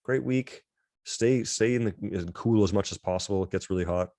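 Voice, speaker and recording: Over a video call, an instructor teaches an online class in a casual, self-deprecating way, frequently restarting his sentences. His voice is fairly low and mellow, a little fast, and recorded in studio quality with no echo.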